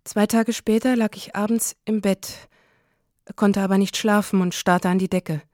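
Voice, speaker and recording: A woman reads a first-person literary story aloud in a calm, measured manner. Her voice sits in a middle range. It is recorded dry and close, with no room echo. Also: medium pitch. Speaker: audiobook narrator.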